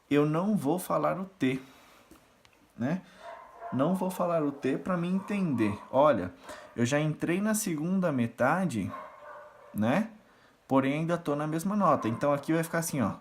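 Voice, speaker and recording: A man's voice: fairly high pitch, a little hiss or hum. A man teaching rhythm reading and solfège, patiently explaining and counting syllables aloud as he conducts the beat. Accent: Brazilian Portuguese. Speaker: music teacher.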